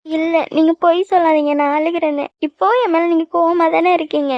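A woman's voice: high-pitched, monotone, fast talker, creaky, dry recording. A woman voicing a young cartoon girlfriend who sulks and cries, accusing her boyfriend. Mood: tearful. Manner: pouting, accusing, crying. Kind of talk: cartoon voice acting. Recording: dry, dull lo-fi recording.

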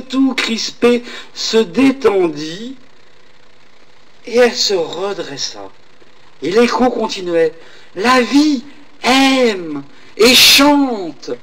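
A man telling a folk tale aloud in a slow, dramatic, swooping delivery. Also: sits high, fairly bright tone, distant mic, rough recording. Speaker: storyteller.

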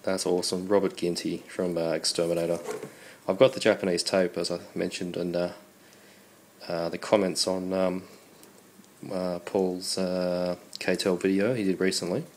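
Sitting at his desk indoors, this video host, an Australian man congested with a cold, walks through an unboxing in a low voice at a normal pace. His tone is relaxed, quietly appreciative and low-key, while a constant hum of noise sits behind him.

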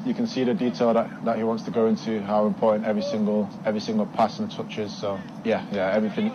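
Young man speaking over outdoor noise. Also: fairly low pitch. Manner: relaxed, repeats words while thinking. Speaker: interviewed footballer. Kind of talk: post-training interview clip. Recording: outdoor clip with background noise.

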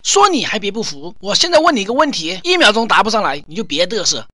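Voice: medium pitch, sing-song, fast, pushed and bright, dry recording, clean studio sound. A performer voicing an exasperated, stern, hectoring schoolteacher in a comic cartoon skit. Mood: scolding.

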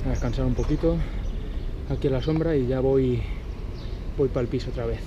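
A man's voice: medium pitch, normal speed. Noisy outdoor vlog, Spanish man. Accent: Peninsular Spanish. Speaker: vlogger. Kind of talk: casual chat to camera. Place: outdoors, park and hilltop picnic area. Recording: dull sound with loud outdoor noise.

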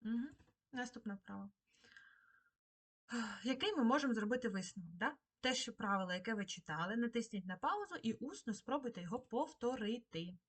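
A woman teaching a recorded remote lesson to schoolchildren, dictating slowly and patiently. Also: fairly high pitch, lively intonation. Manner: slow, patient dictation to children. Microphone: screen-recorded lesson.

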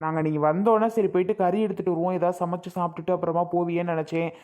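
A relaxed young husband from a cartoon, voiced by a woman. The voice sits low for a woman, and his talk is teasing and hospitable. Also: racing, lightly acted. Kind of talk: cartoon voice acting.

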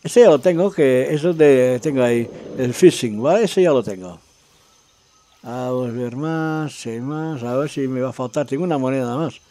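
A man giving casual, excitable commentary as he plays a game, talking to himself and his viewers. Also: medium pitch, normal speed. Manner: talks to himself and viewers while exploring, excitable. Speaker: gaming video creator.

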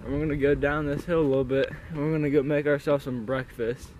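Talking fast in a high-ish, steady and slightly mellow voice, a young adult man delivers a slangy, sweary, casual camping vlog. The handheld camera is at arm's length on a windy mountain, partly in a tent, and the outdoor audio is noisy and wind-blown.

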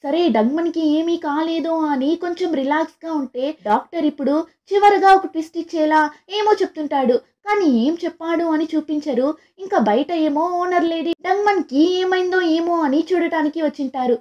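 A woman narrates a drama's plot in a casual, chatty way, dropping in English words. Her voice sits very high. The recording sounds dull and lo-fi. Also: dark tone.

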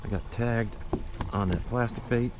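A middle-aged man casually narrating his fishing trip from a kayak, talking half to himself, recorded on a hat-mounted camera out on the water. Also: medium pitch. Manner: relaxed, talks to himself, quick excited exclamations at bites. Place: kayak on open water outdoors. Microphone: hat-mounted action camera. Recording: outdoor wind and water noise.

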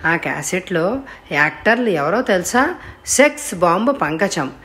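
A woman reading an audiobook voices a calm, taunting young male blackmailer on the phone. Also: on the low side. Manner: calm, unhurried and mocking. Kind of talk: audiobook character voice.

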